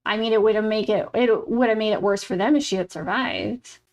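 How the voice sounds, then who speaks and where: Gravelly-voiced woman telling true crime. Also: medium pitch, brisk. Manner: blunt, casual, swears freely. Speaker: podcast co-host. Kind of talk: true crime podcast narration and chat.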